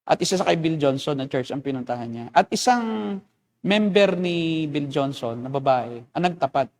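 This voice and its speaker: Tagalog-speaking pastor explaining at length. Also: male voice, fairly high pitch, lively intonation, moderate pace, a little mellow. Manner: explanatory, lecturing, acts out quotes.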